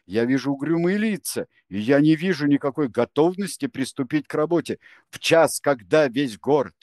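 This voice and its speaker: A self-important official who blusters and keeps pushing his voice louder, as a male narrator acts him out in an audiobook. The voice underneath stays fairly low and sounds dry and close. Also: big pitch swings, measured pace, dry recording. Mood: pompous. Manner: pompous, rising to a shout. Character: pompous, blustering male official with armed men.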